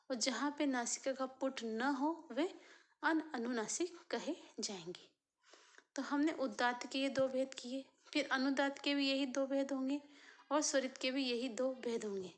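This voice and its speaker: A woman teacher with a high-pitched voice delivers a grammar lecture. She moves step by step, repeating each term. She often poses a question and then answers it herself. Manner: slow, repetitive, asks and answers own questions.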